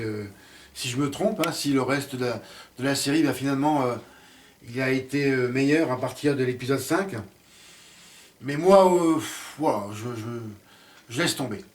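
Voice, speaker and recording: A man's voice: medium pitch, far from the mic. Hesitant man reviewing a series. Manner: hesitant, many "euh" fillers and restarts. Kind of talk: casual video review.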